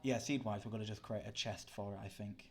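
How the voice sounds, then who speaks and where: Chatty young British man, low voice. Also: fairly even intonation, fast, slight background noise. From Britain. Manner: chatty, rambling, answers viewer chat. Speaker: livestreamer. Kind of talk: casual chat while gaming live.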